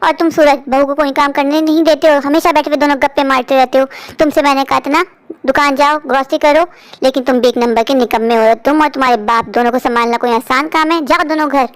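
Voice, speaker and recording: A woman's voice: high-pitched, fairly even intonation, fast, close to an everyday voice. A woman voicing a harsh, domineering middle-aged mother-in-law in a cartoon story, who scolds and gives orders. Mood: scolding. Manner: scolding, nagging, commanding.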